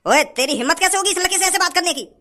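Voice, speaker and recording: A man's voice: very high-pitched, animated, racing, exaggerated voice. An actor playing a rich, generous young man who lectures a stingy shopkeeper in a comedy sketch. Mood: lecturing. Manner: forceful, lecturing.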